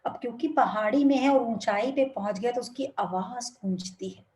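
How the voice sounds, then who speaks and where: Brief: a woman spiritual speaker on a video call, telling a parable with gentle moral asides. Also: a little high, normal speed. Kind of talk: storytelling talk.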